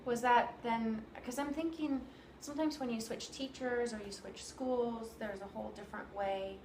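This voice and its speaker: A woman interviewing a guest, asking gentle, curious questions and listening attentively. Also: a little high, normal speed. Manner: attentive, asks gentle questions, frequent soft backchannels. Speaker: interviewer, violinist. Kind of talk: casual interview. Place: room in New York. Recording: roomy sound with steady background noise.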